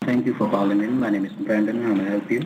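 A man answers as a phone support agent in a busy call center. His voice is fairly low and quick, over a very noisy line. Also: steady tone.

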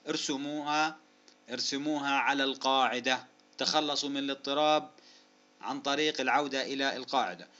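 A man teaching a spelling lesson in a bright, forceful voice. He stretches each example word out slowly and explains the rules quickly, speaking warmly to his students. The recording sounds dull and lo-fi. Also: mid-range voice. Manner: slow, drawn-out dictation of example words, then brisk rule explanations; addresses listeners as dear loved ones, asks and answers his own questions.

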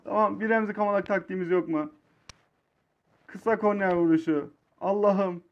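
Excitable young man calling his own match. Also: normal speed, dull audio. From Turkey. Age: 20s. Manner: excitable, swings between low muttering and shouting. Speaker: mobile football gamer. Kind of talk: live commentary over his own match.

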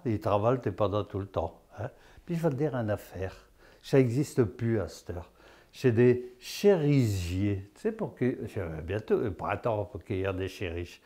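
A man's voice: mid-range voice, warm tone. A man giving a folksy dialect lesson. He is chatty, tags his lines with "hein?" and laughs at his own jokes. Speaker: patois teacher on local TV.

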